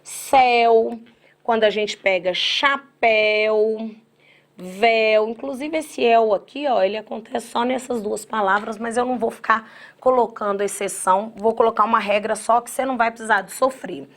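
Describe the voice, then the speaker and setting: A woman from Brazil giving an exam-prep grammar lecture. She talks straight to her students, spells words out slowly syllable by syllable and acts out their objections. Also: a little high. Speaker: grammar teacher.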